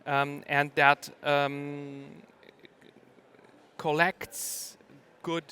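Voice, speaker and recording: A middle-aged man giving a conference talk, stopping often to hesitate. His voice sits fairly high and sounds bright, clear and crisp through the microphone. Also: level tone, very slow. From Germany. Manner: hesitant, many ums and uhs. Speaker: conference speaker.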